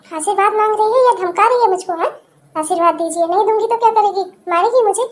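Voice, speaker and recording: A woman's voice: very high-pitched, quick pace. A woman voicing a taunting, scornful middle-aged mother-in-law in a cartoon. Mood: scolding. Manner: taunting, scolding.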